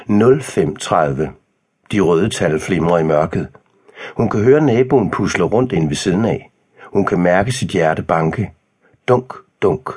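A man narrating an audiobook in a measured, calm way. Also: low voice, husky.

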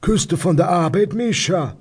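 A man voicing a nosy older male neighbor who gossips in Cologne dialect with a high squeaky voice. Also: measured pace, slightly rough. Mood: gossipy.

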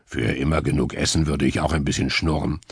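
A man voicing a simple, hungry wild boar in a children's audiobook, speaking gruffly. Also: extremely low pitch, steady tone, brisk, no room sound, clean studio sound, pitched below the performer's own voice, heavily acted. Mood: wistful.

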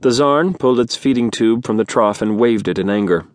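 A man narrating an audiobook in a studio in an even storytelling manner. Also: mid-range voice, brisk, no echo. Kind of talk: scripted narration. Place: recording studio. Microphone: studio mic.

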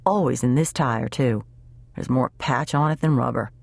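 A woman voicing a gruff, chatty older male tire mechanic with an easygoing, folksy way of talking. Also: rumbling low, moderate pace, no room sound, full character voice. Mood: grumbling.

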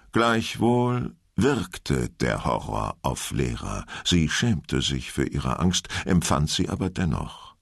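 Deep gravelly male audiobook narrator. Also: no echo. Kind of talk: scripted narration. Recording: dry studio recording.

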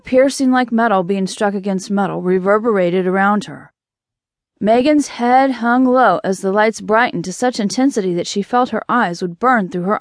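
A woman's voice: mid-range voice, no echo. Woman narrating an audiobook, dry close sound.

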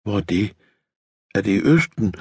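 A male audiobook narrator voicing a stubborn, sharp-tongued young woman tank sergeant, with curt, defiant retorts. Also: fairly low pitch, animated, slightly rough, no room sound, studio quality, pitched above the performer's own voice.

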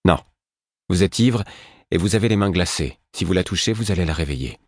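A man's voice: deep voice, lively intonation, fairly quick, slightly rough, no room sound, studio quality, exaggerated voice. A man narrator voicing an angry, protective young mother who speaks curtly and reproachfully. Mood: sharp, reproachful. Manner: curt, sharp, reproachful.

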